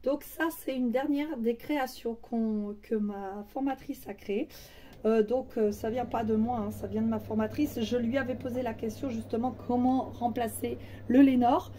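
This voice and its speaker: A woman with a hoarse, raspy, breathy voice that is recovering from voice loss, chatting casually as she explains her household routine step by step. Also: on the high side, fairly even intonation, moderate pace, mellow, recorded from a distance, a little hiss or hum. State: hoarse, weak voice recovering from laryngitis. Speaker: home cleaning vlogger. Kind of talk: casual chat to camera.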